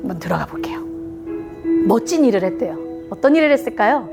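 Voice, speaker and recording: A woman's voice: medium pitch, big pitch swings, quick pace, vocal fry, over music. A woman giving a live lecture to parents on communication styles, playful, often laughing and acting out what people say. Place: lecture room with a live audience.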